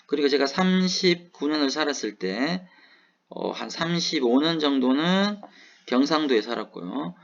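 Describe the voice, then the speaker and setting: A man's voice: fairly high pitch, lively intonation, normal speed, gravelly, lo-fi sound. A man in his forties with a Gyeongsang accent, lecturing and answering his own rhetorical questions. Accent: Gyeongsang Korean. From Gyeongsang region, South Korea. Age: 40s. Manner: asks rhetorical questions and answers them himself.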